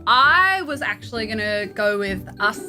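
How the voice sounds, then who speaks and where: A woman's voice: medium pitch, expressive, unhurried, music in the background. A woman in her twenties who asks and answers questions with her boyfriend, teasing and giggly. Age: 20s. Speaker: girlfriend co-host. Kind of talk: casual couple Q&A.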